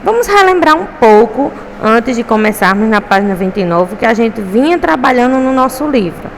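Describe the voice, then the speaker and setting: A Brazilian primary teacher talks her pupils through a lesson, patient and checking in often. Her voice is a touch high with a gravelly edge. It rings in an echoey room, with faint traffic noise behind it. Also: big pitch swings, normal speed. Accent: Brazilian Portuguese.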